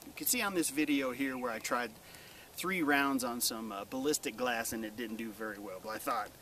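A man in his forties hosts a casual vlog, talking to a close-up camera in a relaxed, plain-spoken manner, first outdoors in a yard and later in an indoor workshop. His mid-pitched voice is brisk with a sharp tone. Slight background noise is present.

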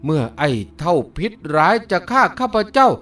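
A man voicing a clever, sharp-tongued young heroine in an audiobook, calm and measured. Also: sits high, soft background music, full character voice.

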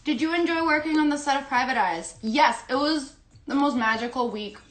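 A woman's voice: high-pitched, fairly quick, fairly bright tone, reverberant. Chatty giggly woman on a livestream. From South America. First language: Spanish. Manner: chatty, giggly, talks while eating. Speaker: Instagram live host. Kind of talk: casual livestream chat. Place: home room with pet dog. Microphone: phone or laptop livestream.

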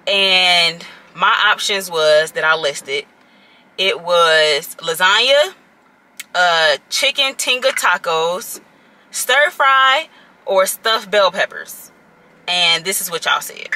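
A woman's voice: lowish voice, expressive, takes it slowly, sharp tone. A young woman chatting casually to her viewers while cooking in a home kitchen, calling them y'all again and again. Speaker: vlogger.

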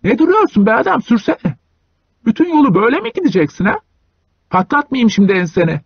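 A man voicing an impatient, abusive hunchbacked young man who shouts insults in a trembling voice. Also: very animated, a little fast, gravelly, husky, no room sound, highs cut off, full character voice. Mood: yelling, mocking. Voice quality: trembling, shrill.

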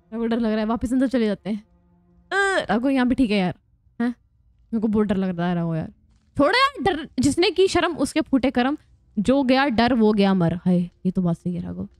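A woman's voice: on the high side, sing-song, normal speed, dry recording, clean studio sound, soft background music. A young woman giving casual, joking gameplay commentary, chatty and prone to squealing laughs when scared. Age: young adult. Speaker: gaming vlogger.

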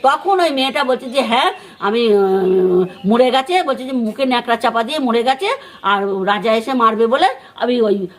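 A woman with a slightly high voice speaks at normal speed with a West Bengali accent. She's a neighbour from West Bengal, India, rambling through an eyewitness story for a news crew, with many fillers and restarts and acted-out quoted speech.

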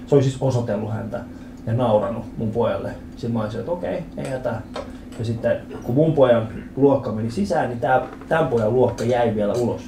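A man in his thirties doing a stand-up comedy set in a club, telling stories with animated acted-out voices and lots of swearing. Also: mid-range voice, background noise. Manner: animated storytelling, acts out quoted voices, swears freely. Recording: roomy club with audience laughter.

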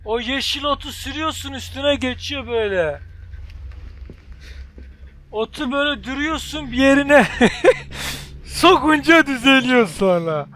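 A man with a high-pitched voice talks through a horror game as he plays it, cracking jokes and thinking out loud. He gets excitable and yells at the enemies, then drops back into muttered planning. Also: moderate pace, a little hiss or hum. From Turkey. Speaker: gaming channel host. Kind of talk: let's play commentary.

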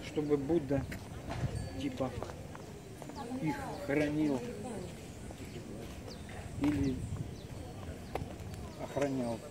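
A man's voice: medium pitch, level tone, very slow, long pauses. A middle-aged man giving casual, off-the-cuff sightseeing commentary as a travel vlogger. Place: outdoors at a hilltop monument. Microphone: handheld camera at arm's length. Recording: very noisy windy outdoor camera audio. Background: loud outdoor ambience, chimes.

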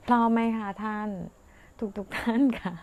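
A woman's voice: on the high side, flat delivery, a little slow, clear, resonant tone. Brief: woman host, casual rambling storyteller, chatty and polite. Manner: chatty, rambling, polite particles, laughs often. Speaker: livestream host.

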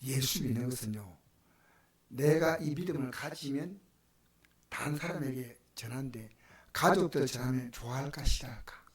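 An older pastor with a Gyeongsang Korean accent delivers a sermon, his voice dropping into breathy whispers and then rising into loud, fervent exclamations. His pitch sits in the middle of a man's range. The room around him is echoey, like a church sanctuary. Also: moderate pace.

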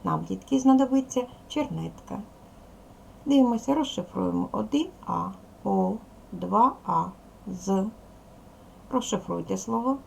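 A woman teacher from Ukraine runs a recorded lesson for young children, asking simple questions and patiently answering them herself. Her voice has a strong gravelly fry, and she speaks slowly. A faint hiss of noise sits under the recording. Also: medium pitch, lively intonation, darkish tone. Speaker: primary school teacher.

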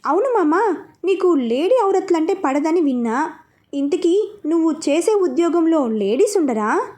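A woman's voice: very high voice, very animated, a little slow, dark tone, exaggerated voice. A woman voicing a cheeky young man who pokes fun playfully in a storybook reading.

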